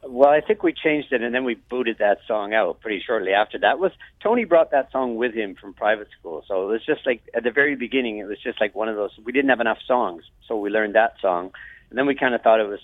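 A man with a lowish voice comes through a thin, tinny phone line that keeps breaking up. He talks in an easygoing, halting way, with plenty of ums. The line is dry and close, with no room sound around it. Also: no room sound. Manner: relaxed and hesitant, with many fillers. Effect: bad phone connection, breaking up. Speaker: musician guest on the phone. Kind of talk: casual interview chat.

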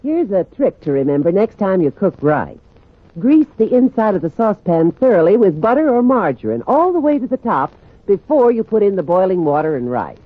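A woman's voice: medium pitch, very animated, fairly quick, dry recording. A woman presenting scripted household tips in an old radio advertising style. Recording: tinny, dry old radio recording.

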